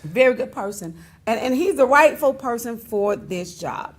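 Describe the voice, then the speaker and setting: Woman talk-show host, high and lively, teasing, laughs a lot. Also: moderate pace, husky. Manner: laughs often, animated and teasing. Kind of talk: casual laughing chat.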